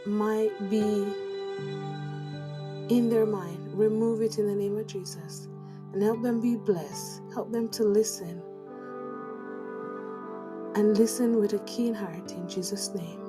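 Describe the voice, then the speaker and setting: A woman hosting a podcast interview, who opens with a slow, earnest welcome and a spoken prayer, then asks quick, eager questions. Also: mid-range voice, fairly even intonation, music in the background. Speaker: podcast host.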